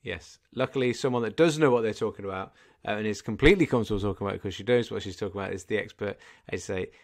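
A man in his thirties with a Scouse accent co-hosts a podcast, chatting casually, joking and rambling with plenty of fillers. His voice is fairly low and racing. He's indoors in a home room, on a desk condenser mic over a video call.

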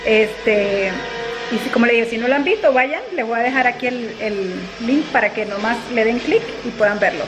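A woman's voice: on the high side, normal speed, music in the background. A woman chatting casually in a family vlog, telling stories and laughing often. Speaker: family vlogger. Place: at home, then in a car. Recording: noisy home video recording.

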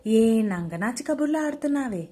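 A woman voicing a sharp-tongued middle-aged mother-in-law who scolds loudly and taunts. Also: on the high side, animated, normal speed, close to an everyday voice. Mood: scolding. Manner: loud and taunting.

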